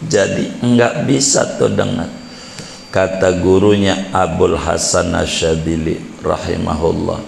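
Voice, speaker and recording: Guy preaching, deep and slow, chatty jokes, sounds like a big reverby room w/ faint ambience. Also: level tone, gravelly, a little mellow, slight background noise. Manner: chatty, joking asides, drawn-out words. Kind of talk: casual religious lecture. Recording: echoey hall with faint ambience.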